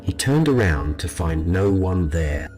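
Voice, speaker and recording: A man narrating a scripted scary story as a storyteller, in a low, haunting and ominous delivery. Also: big pitch swings, unhurried, a little mellow. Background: music behind the voice.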